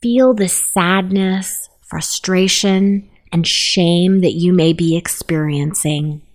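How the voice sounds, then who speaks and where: A woman narrating a guided meditation, giving gentle, unhurried instructions. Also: on the low side, fairly even intonation.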